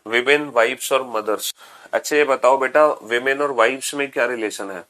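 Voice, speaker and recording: A man's voice: mid-range voice, normal speed, pushed and bright. A man teaching a class, explaining step by step, repeating each point and often calling his students "beta". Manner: repeats points, addresses students as beta, mixes English phrases. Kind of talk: classroom lecture.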